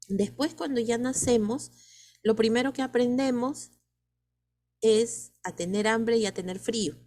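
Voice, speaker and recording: A woman's voice: medium pitch, warm tone. Peruvian woman teacher lecturing. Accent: Peruvian Spanish. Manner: explains with many rhetorical questions. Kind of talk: lecture to students.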